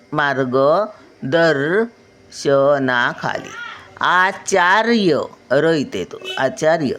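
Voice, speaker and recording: An older woman, a grandmother figure, patiently teaching children a spelling lesson and breaking words down syllable by syllable. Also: deep voice.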